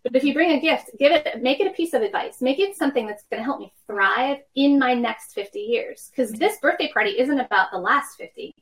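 A woman's voice: high-pitched, expressive, fairly quick, few pauses, rough recording. A woman in her fifties, a worship professor speaking as a podcast guest, explaining ideas reflectively through personal anecdotes. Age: 50s. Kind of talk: conversational podcast interview.

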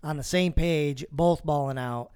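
Sports podcast co-host, man, relaxed, cussing, dry recording. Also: a little high, measured pace, clean tone, dry recording. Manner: laid-back, swears freely. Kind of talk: casual sports chat.

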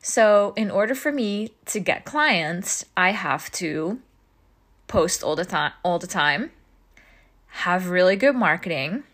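A woman's voice: on the low side, expressive, takes it slowly, a bit bright. A woman in her thirties, a business coach talking casually to her audience, out of breath, chatty and asking "right?" often. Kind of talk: casual teaching talk.

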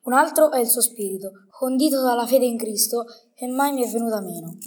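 A woman's voice: a little high, brisk, close to an everyday voice. A woman playing a learned, proud medieval male poet in a scripted radio interview, speaking in a formal, didactic way. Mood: solemn, didactic. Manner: formal, didactic, bookish phrasing.

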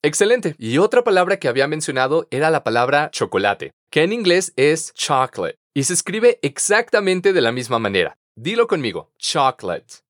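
A man teaching English pronunciation on a podcast, patient and encouraging, modeling words slowly for students to repeat. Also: on the high side, very animated, dry recording, clean studio sound. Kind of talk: podcast language lesson.

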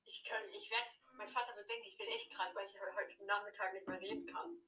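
A woman's voice: medium pitch, fairly even intonation, fairly quick, bright, forceful tone, distant mic. A teenage girl chatting while gaming, teasing and telling stories through giggles. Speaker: fellow player.

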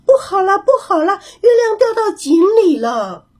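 A woman voicing an excitable little male monkey in a children's story, crying out in a high, panicky voice. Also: unhurried, slightly rough, heavily acted. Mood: panicked. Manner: shrill, panicky cries.

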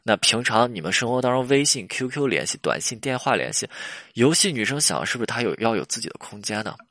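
A man's voice: mid-range voice, sing-song, fast talker, a bit bright, dry recording, clean studio sound. A man hosting a casual relationship advice talk, chatty and full of rhetorical questions. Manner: chatty, laughs at his own stories, rhetorical questions.

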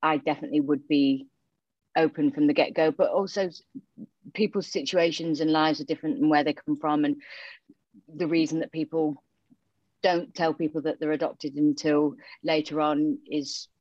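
A woman with a low, darkish voice and a steady tone speaks at normal speed. Originally from Romania, she has a Yorkshire accent and chats openly, with plenty of fillers, as a podcast interview guest. There's no echo, but the sound is muffled and dull.

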